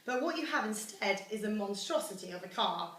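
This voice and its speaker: A young British woman reads her self-written rhyming poem to the crowd at a family celebration, her mid-range voice animated, slightly bright, and a little fast. She is the daughter, and the echoey room, distant mic, and faint noise color the recording.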